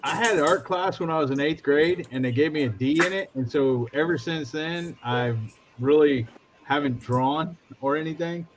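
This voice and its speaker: A man's voice: fairly high pitch, moderate pace, noisy background. A man in a casual online group chat, easygoing as he talks about his past. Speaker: chat participant.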